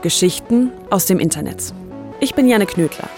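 A podcast host, a woman with a medium-pitched, expressive voice, tells a scripted story at a moderate pace in a conversational narrating style. Background music plays as a bed beneath her voice.

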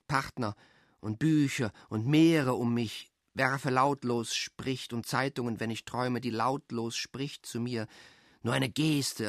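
Bright-voiced man in free-flowing recitation. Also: mid-range voice, dry recording, clean studio sound. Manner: restless stream-of-consciousness, swinging from mutter to outburst. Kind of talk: experimental spoken-word recitation.

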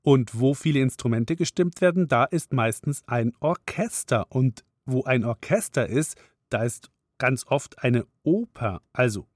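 A man's voice: medium pitch, darkish tone, no echo, studio quality. A man hosting a children's radio show, talking directly to the kids in a friendly way. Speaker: host.

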